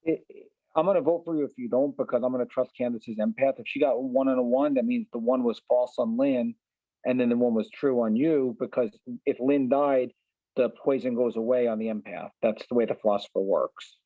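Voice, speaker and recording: A man's voice: medium pitch, a little fast, no echo. A man casually questioning and arguing as a player in a game, over a tinny voice chat. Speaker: player in an online social deduction game. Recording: tinny, narrow voice-chat line.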